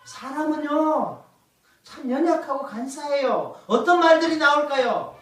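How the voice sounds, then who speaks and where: A woman preaching a dramatic sermon, swinging from loud commands to hushed asides as she acts out voices. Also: high voice, animated, measured pace. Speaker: pastor. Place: church sanctuary. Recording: echoey church hall, mic far off.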